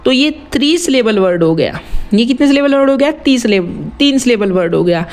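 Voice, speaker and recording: A man explaining rap writing in a casual tutorial, often repeating words slowly to split them into syllables and mixing English terms into his Hindi. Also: extremely high pitch, lively intonation, darkish tone.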